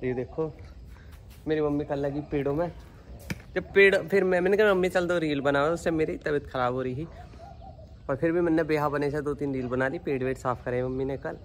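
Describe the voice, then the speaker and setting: A woman's voice: low voice, brisk, slight background noise. A woman with a Haryanvi accent chatting casually to her viewers in a vlog, calling them brother. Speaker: vlogger.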